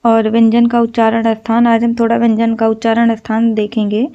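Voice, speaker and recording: Flat-voiced woman teaching a lesson. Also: fairly high pitch, brisk. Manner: steady explanatory, repeats key terms. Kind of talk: exam-prep lesson. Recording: slightly dull lo-fi recording.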